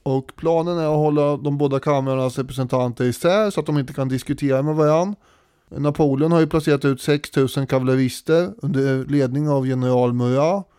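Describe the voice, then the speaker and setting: A man co-hosting a podcast, retelling history in a casual, animated way with many fillers. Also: medium pitch, clean tone, dry recording, studio quality. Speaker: podcast co-host.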